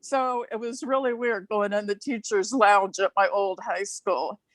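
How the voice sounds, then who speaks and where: A woman's voice: mid-range voice, fairly even intonation, unhurried, no echo. A woman in her sixties from Ohio, a new club member, telling a heartfelt personal story on a video call, chatty and laughing between phrases. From Ohio, USA. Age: 60s.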